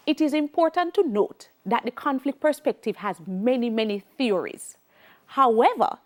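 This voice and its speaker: A middle-aged woman with a Jamaican accent and a voice on the high side teaches a sociology lesson on television. She is emphatic, repeats key points, and slips into Creole phrases.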